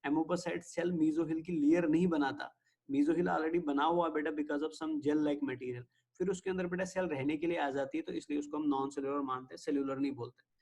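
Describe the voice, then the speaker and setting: A man with an Indian accent giving a biology lecture, who keeps asking his students questions, answers them himself and slows down on English definitions. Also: fairly high pitch, fairly even intonation, a little mellow. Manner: mixes Hindi with English terms, slows on definitions. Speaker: biology teacher. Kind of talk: classroom lecture.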